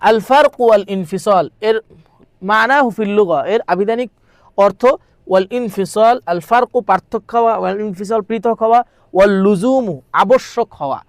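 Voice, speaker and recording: A man's voice: high-pitched, moderate pace, no room sound, studio quality. A man teaching an exam-prep grammar lesson. He reads lines aloud, translates them, repeats them, and keeps asking rhetorical questions. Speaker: madrasa exam tutor.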